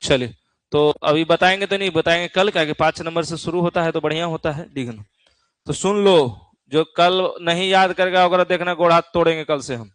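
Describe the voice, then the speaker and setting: A man's voice: a little high, moderate pace, a bit bright, dry recording. A male physics teacher, lecturing a class in a chatty way, teasing students and often checking that they follow. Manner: keeps asking the class "theek hai na?".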